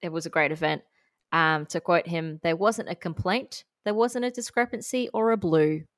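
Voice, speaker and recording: A woman's voice: on the low side, normal speed, no room sound, studio quality. Chatty, giggly Australian woman. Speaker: podcast co-host. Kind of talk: casual chat.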